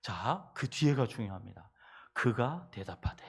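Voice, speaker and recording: A male pastor giving a sermon, telling the story in an animated way and quizzing his listeners. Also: medium pitch, measured pace, gravelly, husky.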